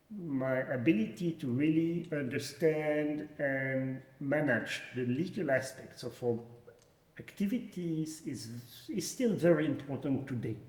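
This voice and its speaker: A Belgian man in his forties, a company founder, answering interview questions at a conference with many pauses and fillers. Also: a little high, darkish tone. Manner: hesitant, many fillers and restarts. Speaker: fintech founder, guest. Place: conference venue, echoey hall. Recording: echoey conference hall.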